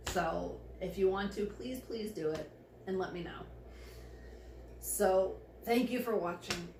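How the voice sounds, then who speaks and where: Woman, tipsy and slightly drunk, amateur story reader, effusive, stumbling, mid-pitched, roomy echo, faint noise. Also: slow pace. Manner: giggly, effusive, stumbles over words. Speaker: fan fiction reader. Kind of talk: amateur story reading with gushing asides. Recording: echoey room with faint background noise.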